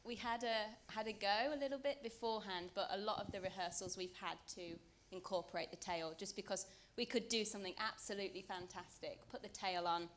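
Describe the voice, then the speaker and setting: A woman's voice: mid-range voice, fairly even intonation, brisk, few pauses. Woman dancer, mid voice, chatty, stumbles a bit, faint hum behind. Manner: chatty, a little hesitant. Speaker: ballet dancer. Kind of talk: conversational Q&A answer. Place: rehearsal studio.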